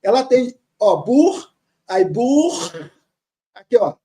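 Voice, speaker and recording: A man teaching grammar, reading words slowly from a text and repeating them patiently. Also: very high-pitched, very animated, mellow. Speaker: teacher of Syriac Aramaic.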